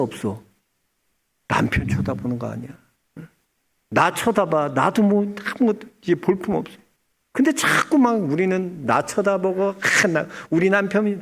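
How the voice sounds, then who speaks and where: A male pastor preaching a sermon in a conversational, animated way. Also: on the high side, gravelly, breathy edge.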